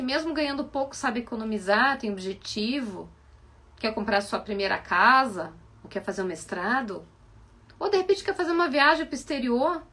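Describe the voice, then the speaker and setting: A woman with a Brazilian Portuguese accent, a psychoanalyst giving a reflective live-stream talk full of animated rhetorical questions. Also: fairly high pitch. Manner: asks many rhetorical questions, animated and coaxing.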